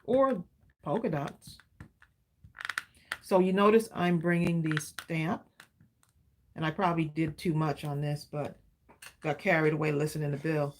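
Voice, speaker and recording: A woman's voice: low-pitched, steady tone, a little slow, long pauses, darkish tone, slight background noise. A woman hosting a live crafting stream, chatting and encouraging viewers while she demonstrates stamping. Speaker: craft livestream host. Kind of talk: live crafting demo chat.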